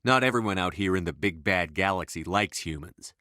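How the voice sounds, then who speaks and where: A man playing a resolute human military commander in a space opera video game, speaking in a measured, authoritative, matter-of-fact way. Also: deep voice, bright, forceful tone, dry recording, studio quality. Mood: grave, resolute.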